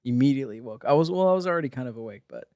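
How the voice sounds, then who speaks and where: A man's voice: medium pitch, animated, very fast, mellow, dry recording, lo-fi sound. A man co-hosting a podcast in casual chat, laid-back and rambling as he tells stories. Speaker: podcast co-host.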